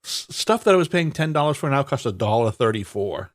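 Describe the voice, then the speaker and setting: A man co-hosting a casual podcast speaks in a medium-pitched, sing-song voice, a little on the fast side, and sounds stuffed up. He rambles with profanity, stammers through restarts, and laughs throughout the banter.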